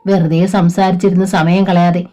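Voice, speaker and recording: A woman reading a novel aloud in measured scripted narration, giving each character a voice. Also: lowish voice, level tone, dark tone.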